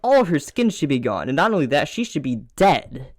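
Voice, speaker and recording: A man co-hosting a casual movie review podcast, opinionated and relaxed, with a few hesitations, close to the mic. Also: a little high, brisk, no echo. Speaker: podcast co-host.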